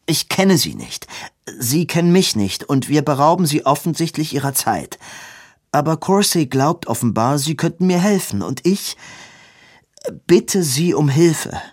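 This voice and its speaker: A man's voice: a little high, very animated, measured pace, husky, dry recording, studio quality, pitched above the performer's own voice, full character voice. A man doing an exasperated, pleading young man. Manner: loud, pleading, strained. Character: impatient, earnest young man, polite but exasperated.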